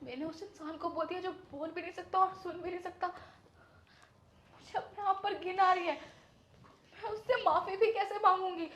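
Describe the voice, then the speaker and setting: A woman's voice: steady tone, unhurried, muffled recording, a little hiss or hum. A woman acting a short-tempered housewife in a short drama who scolds sharply and later turns tearful with remorse. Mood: remorseful. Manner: scolding, shrill, then tearful.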